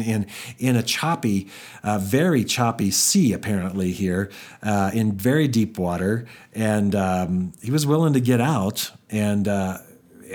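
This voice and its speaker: Male Bible teacher, lower register, casual and chatty, restarts sentences a lot. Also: a little mellow. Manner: conversational, with frequent restarts and fillers.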